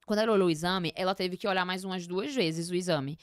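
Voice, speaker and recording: A woman's voice: on the low side, fast, dry recording, clean studio sound. A Brazilian woman talking as a podcast guest, telling a personal story expressively, with lots of slang and fillers. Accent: Brazilian Portuguese. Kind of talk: casual chat, personal storytelling.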